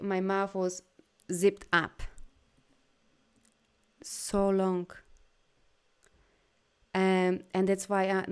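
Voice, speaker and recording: With a darkish, clean tone and a Polish accent, this woman from Poland talks live to her viewers as an energy healer and coach. She answers their comments warmly and affirmingly, her voice climbing in pitch and loudness when she stresses a point.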